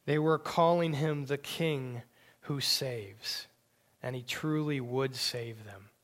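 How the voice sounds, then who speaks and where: A man preaching a sermon with emphatic delivery, dropping to hushed near-whispers on key words. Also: medium pitch, takes it slowly. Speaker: pastor.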